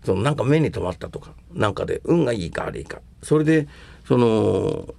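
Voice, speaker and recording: An older man talking casually and at length about comedy and performing arts, rambling and opinionated, with rough colloquial speech. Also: mid-range voice, expressive, fairly quick, mellow, no room sound.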